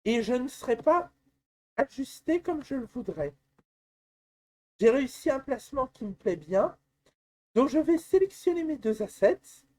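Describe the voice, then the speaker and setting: A woman presenting a software tutorial, calmly explaining step by step with some hesitations. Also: sits high, unhurried, long pauses. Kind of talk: screen-recorded software tutorial.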